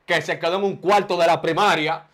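A man's voice: fairly high pitch, fairly even intonation, a little fast, a bit bright. A Dominican man giving a joking interview, boastful and rambling, tossing in broken English. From Dominican Republic. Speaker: interview guest.

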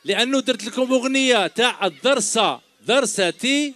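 A middle-aged children's show host with an Algerian Arabic accent uses a handheld mic on an outdoor stage to tease a large crowd of children with quiz questions, calling them "my dears" in a jokey way. His voice is extremely high, lively and pushed bright, moving at a normal speed.

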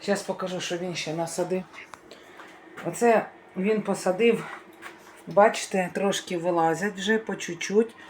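A woman's voice: fairly low pitch, measured pace, pauses often, a little mellow, a little hiss or hum. A middle-aged woman vlogging casually outdoors in a village garden, chatting homely to the camera as she shows things. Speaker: family vlogger. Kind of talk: casual vlog narration.

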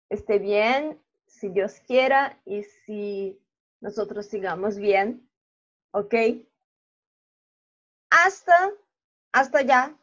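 A woman Spanish teacher giving a slow, patient online review lesson, often checking in with "ok?". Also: a little high, muffled recording. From Brazil.

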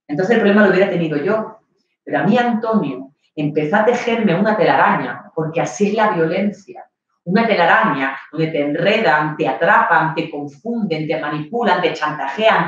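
Woman, nervous storyteller, lively monologue, distant dull lo-fi mic. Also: fairly low pitch, very echoey. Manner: lively, acts out scenes, addresses the audience with "¿vale?". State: nervous, coughing. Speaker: speaker at an online talk. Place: home patio.

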